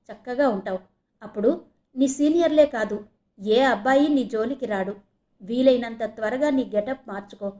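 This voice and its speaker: A woman narrator voicing a gentle but firm female hostel warden giving advice. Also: fairly high pitch, natural voice. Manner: soft, advising.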